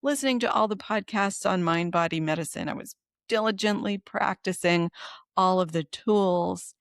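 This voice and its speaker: A middle-aged woman hosting a solo podcast as a therapist, talking in a gentle, reflective, unhurried way. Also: medium pitch, dry recording, clean studio sound.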